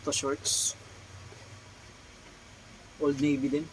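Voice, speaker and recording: A man's voice: a little high, monotone, slight background noise, rough recording. A Filipino man, a clothing seller, holds up items from his small shop one by one, repeating each brand name and size politely. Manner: slow, polite, repeats item names and sizes. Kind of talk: casual product showcase vlog.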